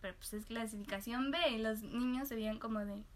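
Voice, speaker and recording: A woman with a Mexican accent telling a lively anecdote in casual chat, laughing often and using slang. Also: on the high side, brisk. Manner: animated storyteller, laughs often, uses slang. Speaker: podcast co-host.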